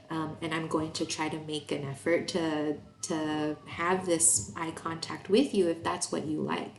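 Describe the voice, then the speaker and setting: A woman from Malaysia, a therapist presenting an online training course in a casual, chatty way, with many fillers and frequent laughs. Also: lowish voice. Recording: roomy echo, faint noise.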